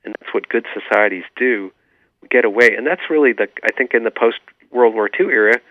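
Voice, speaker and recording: A man's voice: medium pitch, fairly quick, no room sound. A man, an author being interviewed, explaining his views earnestly and with many fillers. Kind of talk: remote radio interview. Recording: tinny phone line.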